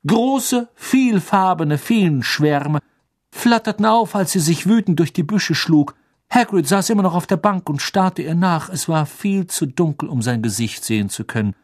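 A man reading a fantasy novel aloud as narrator, with expressive storytelling. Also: fairly high pitch, unhurried, dry recording, studio quality. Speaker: audiobook narrator. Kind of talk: scripted narration.

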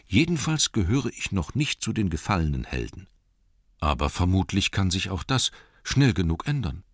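A man's voice: big pitch swings, normal speed, slightly rough, no room sound, studio quality, heavily acted. A man voicing a small, weary male hobbit, nervous but plucky, in a shaky, raised voice. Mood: wry. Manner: shaky, higher put-on voice.

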